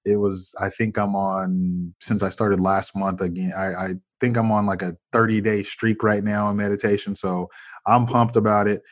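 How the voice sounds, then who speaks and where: Low-voiced upbeat male podcast host. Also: little pitch movement, moderate pace, no echo. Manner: upbeat, affirming. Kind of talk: casual podcast interview.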